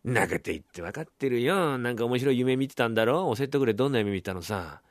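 A man's voice: animated, fast talker, no room sound, clean studio sound, natural voice. A man voicing a nosy young wife in a comic storytelling piece who keeps pestering her husband about his dream. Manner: coaxing, shrill when riled.

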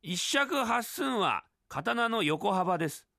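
A man doing a halting, plodding male reader. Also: high voice, big pitch swings, gravelly, pushed and bright, no room sound, studio quality, full character voice. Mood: stilted reading. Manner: drawn-out syllable-by-syllable reading. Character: slow, halting adult male reader, stumbling. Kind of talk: rakugo storytelling.

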